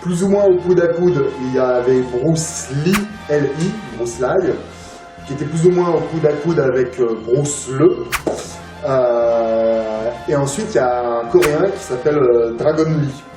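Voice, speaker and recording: A man's voice: a little high, normal speed. A man speaking as an interview guest in a casual chat, rambling with many filler sounds and restarts. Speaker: interview guest, film collector. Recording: roomy, distant mic, music behind.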